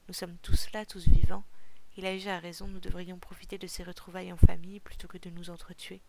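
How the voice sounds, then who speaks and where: A woman voicing a gentle, fatherly fisherman who speaks softly and soothingly. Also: on the low side, little pitch movement, brisk, vocal fry, noisy background. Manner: soft-spoken, soothing.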